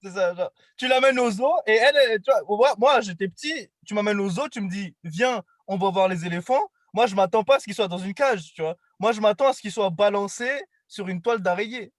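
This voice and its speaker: A man's voice: sits high, fast, few pauses, no echo. A man chatting as a comedian, telling absurd stories with tangents and acted-out quotes. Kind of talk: casual comedic chat.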